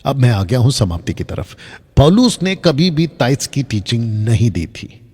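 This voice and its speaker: A man's voice: mid-range voice, very animated, moderate pace, darkish tone, husky, in a large hall. Emphatic man teaching from slides. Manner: emphatic, repeats points and asks rhetorical questions. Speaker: Bible teacher on a video channel.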